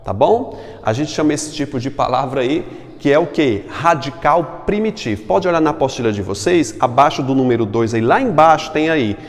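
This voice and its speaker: A man from Brazil, a Portuguese teacher, giving a recorded class, lively, asking and answering his own questions. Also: on the high side, long reverb tail.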